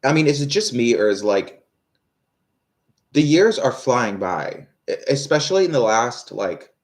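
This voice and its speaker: A man in his thirties does a live tarot reading at a measured pace, his medium-pitched voice swinging widely. He rambles, swears, and fills gaps with fillers and restarts, talking to viewers and reading their questions aloud.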